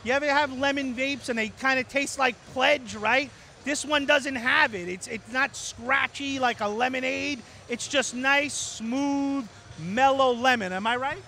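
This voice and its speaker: A man's voice: very high voice, measured pace, vocal fry, pushed and bright. A middle-aged man with a Brooklyn accent hosting casual trade show interviews in a brash, chummy, emphatic way. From New York. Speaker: show host and reviewer. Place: trade show floor booth indoors. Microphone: handheld microphone. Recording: noisy convention hall.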